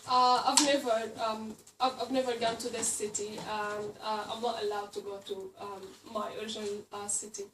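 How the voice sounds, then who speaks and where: A woman's voice: mid-range voice, level tone, moderate pace, hardly any pauses, fairly bright tone, slight background noise. A young woman from Palestine, a student, giving a hesitant presentation to an audience with many fillers. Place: hall. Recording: echoey hall, voice from far off.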